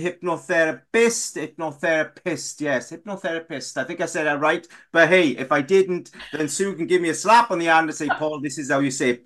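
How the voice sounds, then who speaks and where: Male radio host, rambling chatty delivery, slightly high voice. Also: fairly bright tone. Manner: chatty, rambling with fillers and restarts. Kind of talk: casual radio chat.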